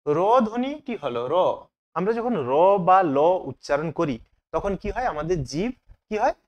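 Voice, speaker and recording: A man's voice: high-pitched, sing-song, moderate pace. A man teaching as he works through exam questions, asking each question aloud and then answering it himself. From Bengal.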